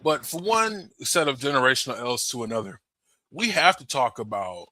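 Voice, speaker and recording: A male podcast co-host with a bright, forceful voice, recorded close and dry on a plug-and-play mic. He talks in an easygoing, halting way. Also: mid-range voice, sing-song, no room sound. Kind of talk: casual podcast chat. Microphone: plug-and-play USB mic.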